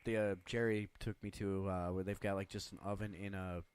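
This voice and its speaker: A man's voice: sits low, level tone, fairly quick, darkish tone, smooth. A man co-hosting a casual car podcast, rambling and easygoing. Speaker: podcast co-host. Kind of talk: casual chat.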